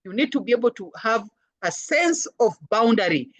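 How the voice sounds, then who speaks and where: A woman with a Kenyan accent giving a lively counseling talk, acting out little voices when she quotes people. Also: a little high, moderate pace, no echo. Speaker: guest speaker, counselor. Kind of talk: lecture-style talk.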